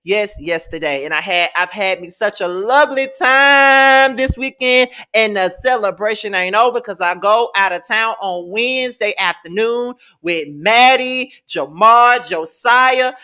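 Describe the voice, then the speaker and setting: A man, hosting a live-stream review in a sassy, playful and animated way. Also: sits high, measured pace, hardly any pauses, clean tone. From Mississippi, US. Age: 30s. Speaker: livestream host.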